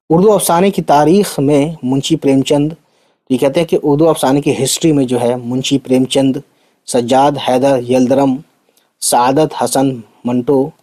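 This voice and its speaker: A man's voice: mid-range voice, darkish tone. A man from India teaching an Urdu literature lesson, who stops to explain each difficult word with simpler synonyms and English terms and keeps checking in with tag questions.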